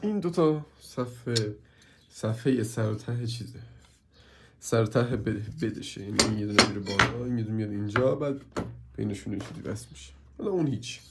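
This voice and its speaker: Hoarse, gravelly man with a cold. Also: lowish voice, very noisy. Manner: complaining, keeps asking viewers. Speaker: YouTuber reviewing a purchase. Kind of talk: casual hands-on product review.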